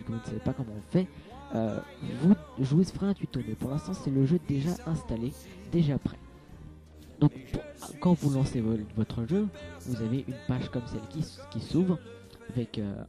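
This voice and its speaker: Dark-voiced young man explaining a game. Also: medium pitch. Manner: hesitant, many fillers and restarts. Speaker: game tutorial maker. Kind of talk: casual screen-capture tutorial.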